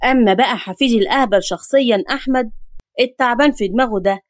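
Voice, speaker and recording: A woman's voice: a little high, fast, no room sound, studio quality, natural voice. A woman with an Egyptian accent voicing a grumpy, bossy old grandfather who scolds and teases his grandchildren in a comic storybook. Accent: Egyptian Arabic.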